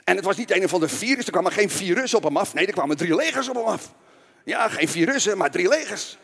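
A man tells a Bible story to children in an animated, playful way. His voice sits high and has a gravelly, husky texture. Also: fast, in a large hall. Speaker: children's preacher.

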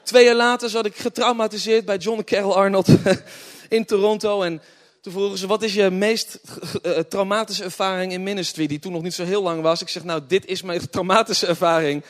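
A man preaching a humorous testimony sermon, telling stories with laughter and swinging between hushed and loud. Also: high-pitched, steady tone, a little fast, hardly any pauses. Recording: long hall reverb.

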